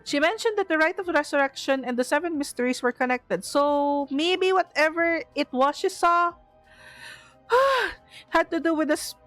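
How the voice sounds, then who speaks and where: An excitable, easily startled woman with a Filipino accent, playing a horror game for viewers and reading its text aloud. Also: high voice, normal speed, no room sound. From Philippines. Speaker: gaming streamer. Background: game music.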